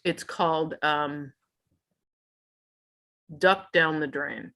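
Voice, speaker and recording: A woman's voice: deep voice, fairly even intonation, very slow, sharp tone. A middle-aged woman musician chatting as a guest in an interview, talkative and laughing often between phrases. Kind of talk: casual interview chat.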